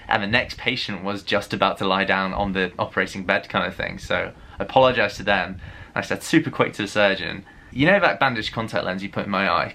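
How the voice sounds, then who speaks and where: Young male vlogger, lowish bright voice, candid chatty storyteller. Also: slight background noise. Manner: candid, chatty, full of "like" fillers. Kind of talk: personal story vlog.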